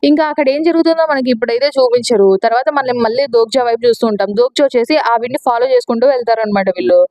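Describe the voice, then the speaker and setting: A woman with a Telugu accent talks through a comic story at a fast clip, retelling each character's words in her own casual voice and slipping English words in. Her voice sits high, and the sound is dry and close. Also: darkish tone, dry recording, rough recording. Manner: quick, chatty retelling with English words mixed in. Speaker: manhwa recap narrator. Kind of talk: casual spoken recap narration.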